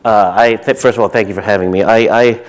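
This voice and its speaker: A man in his thirties, from Zimbabwe, speaks at a conference with a fairly low voice. He talks casually, with halting restarts and plenty of fillers, through a stage microphone. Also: steady tone. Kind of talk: conference talk.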